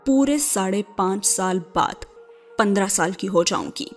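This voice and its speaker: Storybook: woman reads a devoted young girl, sincere and pleading, mid-pitched. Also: animated, soft background music, close to an everyday voice. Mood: earnest. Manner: pleading and earnest. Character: earnest, devoted little girl of about nine.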